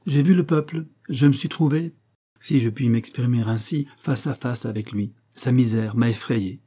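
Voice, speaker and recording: A calm, generous young nobleman, measured and composed, as a man reads him. His tone is warm and a little husky. It sounds like a line from a classic audiobook. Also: medium pitch, close to an everyday voice.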